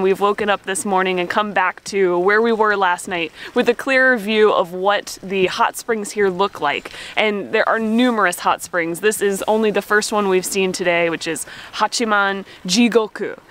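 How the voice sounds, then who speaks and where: A woman in her thirties narrates a casual travel vlog outdoors at steaming volcanic hot springs, holding the camera at arm's length. Her mid-range, fairly bright voice moves at a moderate pace as she tells stories in a chatty, playful way, with wind, steam noise and hissing vents around her.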